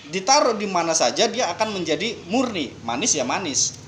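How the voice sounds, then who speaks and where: Guest speaker, Indonesian man, slightly high voice, patient teacherly explanations, faint hiss under the recording. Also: moderate pace. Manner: explanatory, uses everyday examples, relaxed and joking. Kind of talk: casual podcast conversation, explaining religion.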